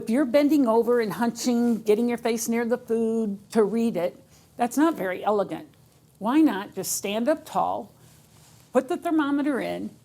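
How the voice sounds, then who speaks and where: A woman with a medium-pitched voice gives a how-to demonstration in her kitchen. She is instructive and describes each action as she does it, one step after another. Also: mellow. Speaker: instructor demonstrating a kitchen aid for people with sight loss. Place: home kitchen.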